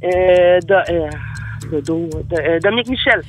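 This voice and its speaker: A woman's voice: on the low side, normal speed, faint music behind. Hesitant Québécois woman caller. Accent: Québécois French. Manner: hesitant, uses fillers under pressure. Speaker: contest caller. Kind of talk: phone-in quiz.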